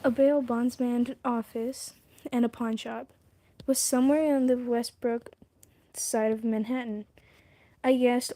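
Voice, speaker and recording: A woman's voice: fairly high pitch, warm tone, no echo. A woman streaming herself reading a novel aloud. She stumbles over words and stops to comment on the story. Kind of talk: casual read-aloud on a livestream.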